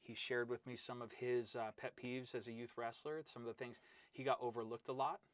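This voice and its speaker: A man's voice: mid-range voice, a little fast, no room sound. A middle-aged man, a wrestling coach, telling stories in a casual interview, acting out quotes and calling his listener "bro.". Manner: animated storyteller, acts out quotes, says "bro" and "right?".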